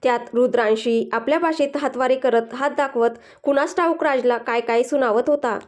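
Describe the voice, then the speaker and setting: A woman with a high, light voice narrates a romantic story. Her reading is gentle and evenly paced, steady from line to line. She tells it the way a storyteller reads a serialized tale. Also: normal speed.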